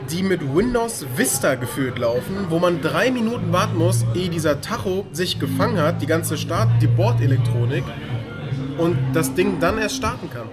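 Young man, blunt slangy mock rant, slightly high voice, table-top action camera, loud music behind. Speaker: friend and guest. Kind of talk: casual chat. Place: dim diner.

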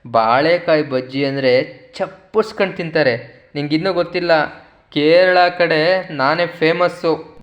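A man's voice: a little high, a little slow, lightly acted. A man voicing a boastful raw banana vegetable, on a dull lo-fi recording. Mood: proud. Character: proud raw banana, showing off.

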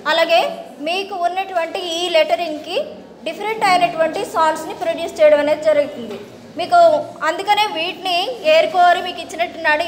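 A woman teaches English pronunciation in a very high voice. She spells each word out slowly, letter by letter, then says it again and asks the class how to pronounce it. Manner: spells words out slowly, then repeats the sound; asks students to read aloud. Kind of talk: classroom phonics lesson.

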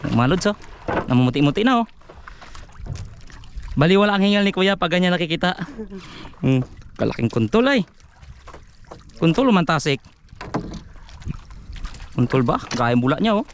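A Filipino man from Palawan, filming his catch on a fishing boat and chatting excitedly in a casual vlog, laughing often. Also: a little high, normal speed, pauses often. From Philippines. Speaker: fisherman vlogger filming the catch. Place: outdoors on a small fishing boat at sea. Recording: outdoor boat recording with clear background noise.

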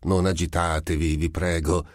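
A man reading the part of a cautious doctor who tries to calm others with careful words. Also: low-pitched, normal speed, dry recording, clean studio sound, pitched above the performer's own voice, lightly acted. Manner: soothing, careful. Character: cautious, placating male doctor.

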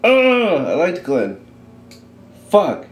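A man's voice: on the high side, wildly swooping pitch, very slow. A man giving casual gameplay commentary, swearing and laughing easily. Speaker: let's play co-host. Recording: echoey room, faint game music.

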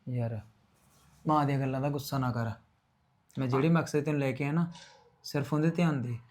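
An actor playing a calm son who reassures his wife about his mother. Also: medium pitch, fairly quick, close to an everyday voice. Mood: soothing. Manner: soothing, reassuring. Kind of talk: village family drama acting.

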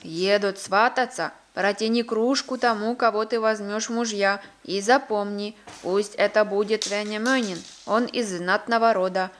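A woman's voice: mid-range voice, steady tone, normal speed, few pauses, natural voice. A woman doing a bossy old crone. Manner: bossy, commanding. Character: old toothless witchlike matriarch, scheming.

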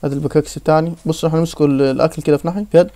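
A young Egyptian man hosting a let's-play, joking around and breaking into excited outbursts. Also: on the high side, racing. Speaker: gaming channel host. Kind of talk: casual let's-play chat.

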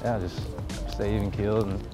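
A young man who plays college baseball chats casually in an interview as he walks across a campus outdoors, music playing underneath. His voice is lowish and his pace normal. He sounds relaxed and laid-back, with plenty of fillers.

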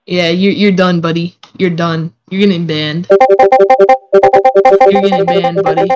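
A man's voice: high-pitched, flat delivery, a little slow, faint music behind, poor audio. A young man teasing and boasting in casual gaming chat over voice chat. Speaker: gaming friend.

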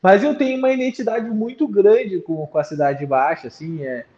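A man in his thirties with a Gaúcho Brazilian accent talks casually about his neighbourhood and restarts his sentences as he goes. His voice sits high but sounds soft and dark. The sound is muffled, as it comes through a webcam on a video call. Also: normal speed. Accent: Gaúcho Brazilian Portuguese. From Porto Alegre, Brazil. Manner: chatty, informal, self-correcting. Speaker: business owner guest. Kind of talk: casual conversation. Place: indoors, home or shop with brick wall.

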